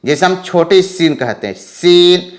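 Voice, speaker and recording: Male teacher; unhurried, patient classroom delivery, slightly high voice. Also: expressive, fairly bright tone. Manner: patient, repeats letter names slowly and drawn out. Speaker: Quran reading teacher. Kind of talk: slow explanatory lesson.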